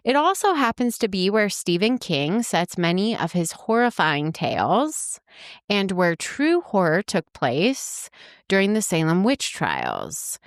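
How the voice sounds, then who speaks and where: A woman podcast co-host reading a dramatic true-crime introduction, building suspense with pauses. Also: fairly low pitch, clean tone, dry recording, studio quality. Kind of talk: scripted true-crime narration with banter.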